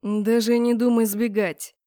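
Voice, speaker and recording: A woman voicing a brooding, possessive male mage rector who murmurs slowly and huskily. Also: mid-range voice, no room sound, clean studio sound, close to an everyday voice. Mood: hushed, possessive. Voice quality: husky. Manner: slow hushed murmur.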